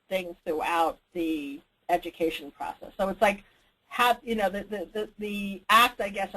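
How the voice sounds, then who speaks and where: Her mid-range, somewhat bright voice comes through a noisy conference call line as she runs a group call as its organizer. She keeps things informal and tentative, musing out loud and asking how the others are doing.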